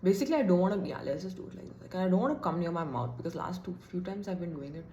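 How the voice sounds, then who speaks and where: A woman's voice: fairly low pitch, fast, darkish tone, dull audio, soft background music. A young woman vlogger casually chatting and thinking aloud while doing her makeup, a bit self-deprecating. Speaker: beauty vlogger. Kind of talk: casual get-ready-with-me chat. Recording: echoey room.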